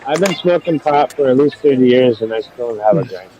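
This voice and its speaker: A man's voice: mid-range voice, animated, fairly quick, a loud crowd, low-quality recording. A man hosting a live stream, chatting casually with loose, profane banter.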